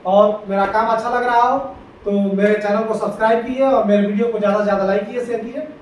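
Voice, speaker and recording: High-voiced male teacher in echoey room. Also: steady tone, fast talker. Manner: repeats key points with frequent check-ins. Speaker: English grammar teacher. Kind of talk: exam-prep lesson. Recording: echoey room, distant mic, faint noise.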